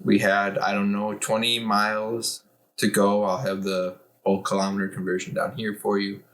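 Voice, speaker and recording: A man's voice: on the low side, completely flat delivery, moderate pace, fairly bright tone. A man chatting casually for a vlog, with a wry, rambling way of talking. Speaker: vlogger. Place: inside a tent.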